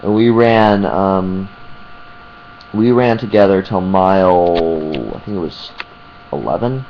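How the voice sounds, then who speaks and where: A man with a very low voice talks casually to his vlog audience. He speaks haltingly, searching for details as he goes. The sound is dull and muffled, with an electrical hum behind him. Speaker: vlogger. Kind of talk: casual vlog talk to camera.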